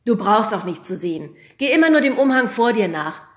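A woman's voice: medium pitch, big pitch swings, brisk, reverberant, pitched above the performer's own voice, close to an everyday voice. A woman voicing a harried male schoolteacher who scolds the children during a nativity rehearsal, in a storybook reading. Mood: instructing. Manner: loud, scolding calls.

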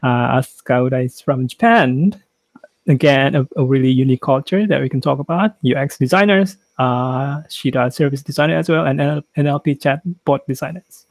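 A man's voice: medium pitch, moderate pace, gravelly, no room sound. A man hosting a podcast in casual chat, stumbling over his words and laughing often. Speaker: podcast host.

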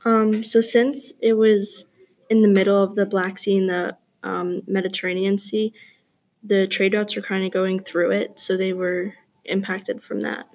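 A teenage girl answers as a student in a class discussion. Her delivery is prepared and quite monotone, at a middling pitch. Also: measured pace, poor audio. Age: teenager, ninth grader.

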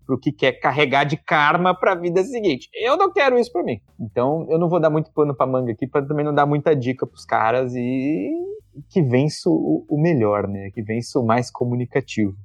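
A man's voice: medium pitch, fairly quick, dry recording, soft background music. A man who teaches communication, speaking in an interview and explaining things emphatically and bluntly, sometimes swearing casually. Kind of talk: conversational interview, analytical.

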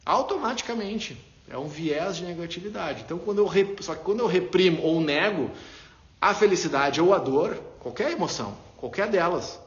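A man explaining ideas in a casual, animated way, acting out little inner dialogues as he talks. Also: on the high side, normal speed. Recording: roomy, dull lo-fi sound.

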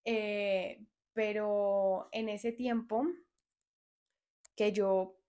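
Young woman in her twenties, podcast host, earnest and frank, advice-giving, medium pitch. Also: little pitch movement, extremely slow, warm tone, clean tone. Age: 20s. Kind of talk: solo podcast monologue.

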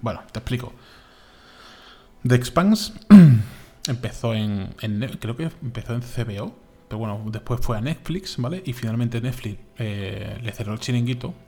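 A man from Spain with a Spain Spanish accent, co-hosting a podcast in casual, animated chat, full of fillers and repeats. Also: medium pitch, measured pace. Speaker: podcast co-host.

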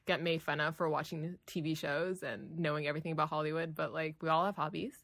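A young woman in her twenties co-hosting a casual podcast, talking in a flat, drawling way with lots of fillers. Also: sits low, fast talker, gravelly, dry recording. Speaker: podcast co-host. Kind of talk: casual chat.

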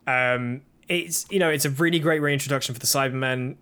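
A man co-hosting a podcast in a casual, eager chat. His voice sits at an ordinary middle pitch. He often talks over his co-host. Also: fairly quick, sharp tone. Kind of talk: casual chat reviewing TV episodes.

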